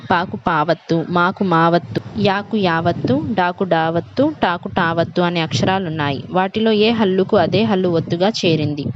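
Woman teacher, slightly low voice, slow word-by-word dictation, dull lo-fi recording, steady background noise. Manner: slow, careful word-by-word dictation to young pupils. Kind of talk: reading out and explaining a school workbook.

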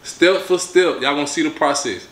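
A man's voice: fairly high pitch, normal speed, a bit bright, roomy sound, a little hiss or hum. A young man hosting a casual vlog from a living room sofa, laid-back but hyping up his viewers. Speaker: vlog host.

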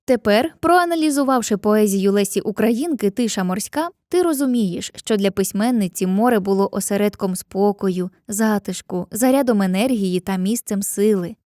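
Mellow-voiced woman narrating a literature lesson. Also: mid-range voice, lively intonation, no echo, clean studio sound. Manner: clear, measured delivery, reading poetry slowly. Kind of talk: scripted educational narration.

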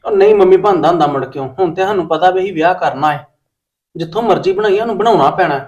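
A man playing a calm Punjabi son. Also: high-pitched, fast talker, muffled recording, natural voice. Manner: calm, reassuring. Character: reasoning young adult son, calm and reassuring.

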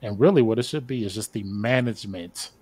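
Over a video call from his home studio, a podcast guest in his thirties explains his opinions at length, thoughtful but casual. His fairly low voice moves fairly quickly and sounds a little mellow and slightly rough, picked up by a large studio microphone indoors.

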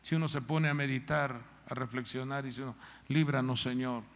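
A man's voice: mid-range voice, steady tone, a little fast, gravelly, a bit bright. A man preaching a sermon, acting out voices and calling on the congregation to repeat phrases. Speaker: pastor. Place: church hall. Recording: long church reverb.

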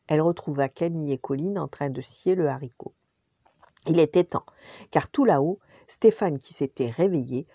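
An older woman, a grandmother, telling a bedtime story gently and expressively, sometimes dropping to a whisper. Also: low voice, no room sound, dull audio.

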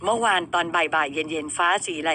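A woman's voice: sits low, fast talker, bright, forceful tone, slight background noise. A woman in her thirties hosting a radio show, chatting casually and throwing rhetorical questions at listeners and her co-host.

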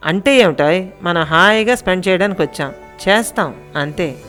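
A woman voicing a self-assured, insistent young husband in a Telugu audio story, speaking in a steady, matter-of-fact way. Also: lowish voice, normal speed, faint music behind, natural voice.

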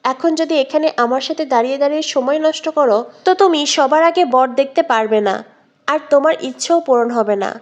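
A woman reading out the lines of a hurt young woman who answers her friend quietly and briefly. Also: high-pitched, fairly quick, dull audio, natural voice. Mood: subdued. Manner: quiet, subdued, clipped.

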